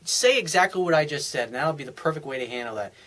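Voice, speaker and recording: Animated and fast, a man on the higher side with a fairly bright tone plays dating coach, answering a viewer's question in a monologue. He's emphatic and blunt, curses a lot, and keeps backing up to repeat or restart what he's saying.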